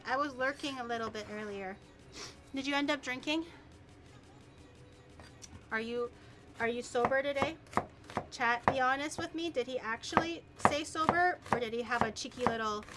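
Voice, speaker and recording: A woman's voice: sits high, a bit bright, slight background noise. A woman hosting a casual cooking live stream, chatting in a playful, teasing way and swearing casually.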